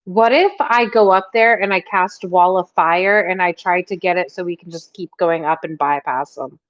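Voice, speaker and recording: A woman's voice: lowish voice, normal speed, dry recording. A woman playing a tabletop game over voice chat, tentative and full of fillers. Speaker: player. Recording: dull lo-fi voice chat audio.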